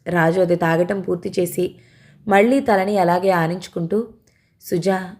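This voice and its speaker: A woman reads a novel aloud in a steady, even storyteller's manner. Her voice is mellow and warm, never sharp. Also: on the low side, normal speed. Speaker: audiobook narrator.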